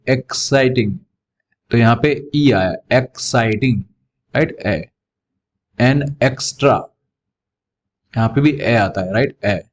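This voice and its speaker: A male grammar teacher, teaching a lesson slowly, repeating each sound and answering his own questions. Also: medium pitch. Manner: slow, repeats and drills words and sounds, asks questions and answers them himself. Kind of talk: classroom lesson explaining grammar.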